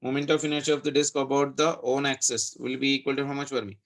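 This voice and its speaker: A physics teacher, a man with a Telugu Indian accent, talks quickly in a mid-range voice. He works through a problem aloud in an interactive tutoring style, often tagging his points with short checking questions. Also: medium pitch, level tone, fairly bright tone. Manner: frequent checking questions and tag questions.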